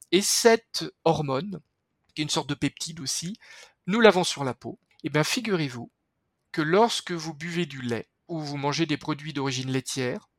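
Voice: medium pitch, a bit bright, no echo. Eager chatty guest, dry close sound. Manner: enthusiastic, chatty, many fillers and restarts. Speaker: guest from a skincare firm. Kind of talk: podcast interview explaining research.

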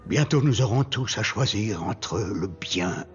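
A man playing a solemn, cryptic old male wizard headmaster who speaks in grave, slow pronouncements. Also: fairly low pitch, expressive, faint music behind. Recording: dull lo-fi sound.

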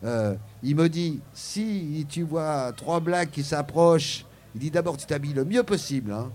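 An older man recounting his memories as an interview guest. His voice sits fairly high and he tells his stories animatedly, often pausing on hesitations before rushing on. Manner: animated storyteller, many fillers. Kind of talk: anecdotal interview storytelling.

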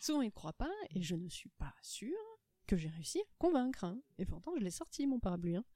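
A woman from France chatting casually as a podcast host, telling stories in a lively way and acting out the people in them. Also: medium pitch, a little fast, dry recording. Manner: lively storytelling, acts out the people in her stories. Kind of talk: casual conversation.

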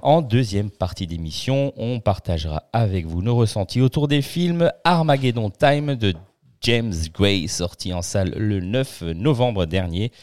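A man's voice: lowish voice, animated, measured pace, darkish tone. A man with a noticeable accent hosting a casual film podcast in French, cheerful and welcoming. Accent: non-local French accent. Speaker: podcast host.

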